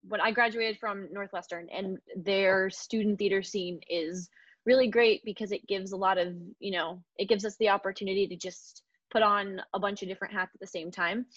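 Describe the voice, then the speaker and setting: A woman's voice: mid-range voice, fairly even intonation, moderate pace, fairly bright tone, lo-fi sound. A young woman hosting an interview podcast, reading a scripted intro and then asking friendly conversational questions. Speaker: podcast host.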